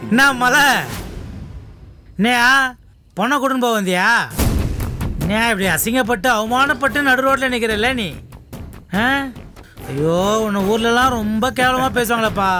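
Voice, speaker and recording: A scheming middle-aged man taunts his rivals in a high, mocking voice. He sneers and needles, relishing their shame. Loud background music runs under this television drama. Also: moderate pace, pauses often. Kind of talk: television serial acting.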